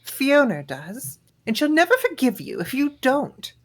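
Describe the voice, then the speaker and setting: A woman plays a level-headed older queen who soothes her husband with gentle reason. Her voice sits quite high and stays soft and even. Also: unhurried, heavily acted. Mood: soothing. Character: calm, sensible older queen and wife. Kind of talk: live table read.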